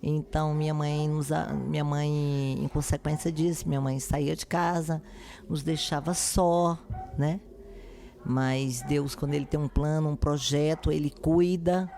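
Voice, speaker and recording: Lady pastor, slow earnest testimony, gravelly low-key voice. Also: fairly even intonation, warm tone. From Brasília, Brazil. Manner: slow, earnest, devout phrasing. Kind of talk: testimony in podcast interview.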